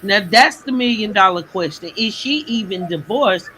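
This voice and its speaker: A woman's voice: mid-range voice, animated, normal speed, fairly bright tone, slight background noise, poor audio. A woman hosting a live chat show, sassy and teasing as she talks to her guests. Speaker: host. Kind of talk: casual chat.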